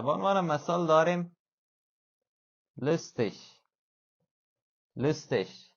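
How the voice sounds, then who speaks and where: A man teaching a language lesson, patiently repeating example words slowly several times. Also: a little high. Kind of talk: classroom-style language lesson. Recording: slightly dull lo-fi sound.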